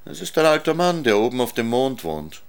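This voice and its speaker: A man's voice: mid-range voice, very animated, a little fast, smooth, pitched above the performer's own voice. A man reading a storybook aloud, voicing a kindly old woman who speaks earnestly.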